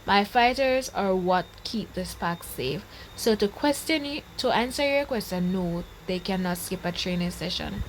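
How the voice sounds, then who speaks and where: A woman's voice: medium pitch, animated, unhurried, slight background noise, rough recording. A woman voicing a stern, dismissive male werewolf pack leader in a storybook reading. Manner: firm, dismissive.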